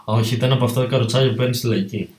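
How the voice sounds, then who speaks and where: A young man from Thessaloniki co-hosts a casual podcast and chimes in with wry, dry asides. His voice sits at an ordinary middle pitch. The room around him rings with a clear echo. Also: steady tone, darkish tone. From Thessaloniki, Greece. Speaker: podcast co-host, comedian. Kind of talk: casual chat. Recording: echoey room.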